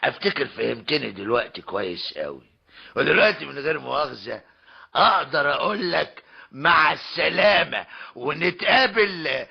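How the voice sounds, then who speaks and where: A mocking, stubborn older tradesman and father in an old radio comedy drama, with an Egyptian Arabic accent. His gravelly, husky voice swoops up and down theatrically. It comes through a dull, lo-fi old radio recording. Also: a little high, expressive, normal speed, exaggerated voice. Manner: mocking, theatrical, keeps repeating a polite tag.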